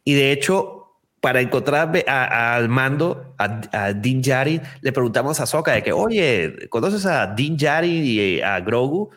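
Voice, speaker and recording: A man's voice: medium pitch, expressive, unhurried, hardly any pauses, fairly bright tone. A man with a Mexican accent on a podcast, telling a story in casual slang. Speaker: podcast co-host. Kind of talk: casual chat.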